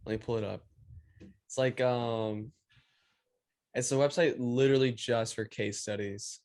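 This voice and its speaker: A young man with a medium-pitched, unhurried voice hosts a casual podcast chat over a video call from a small room at home, speaking into a studio mic on a stand. Relaxed and rambling, he fills his speech with plenty of "like" and other fillers, and English is not his first language.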